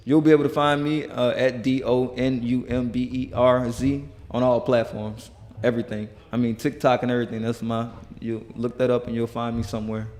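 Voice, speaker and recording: A man's voice: medium pitch, flat delivery, a little fast, darkish tone. A man being interviewed as a musician, talking earnestly and rambling with many restarts. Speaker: guest musician. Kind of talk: casual interview talk. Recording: reverberant hall.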